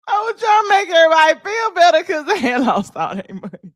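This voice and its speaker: A woman hosting a livestream, telling stories in a loud, laughing, profane way. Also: extremely high pitch, very animated, a little fast, no echo, clean studio sound. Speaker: livestream host. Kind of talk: casual livestream chat.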